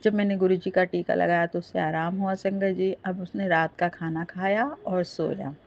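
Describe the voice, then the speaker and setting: A woman's voice: fairly low pitch, steady tone, normal speed, gravelly, darkish tone. A middle-aged woman earnestly telling a devotional testimony, speaking straight to her listeners. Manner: earnest, addresses listeners directly. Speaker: satsang storyteller. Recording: dull lo-fi recording.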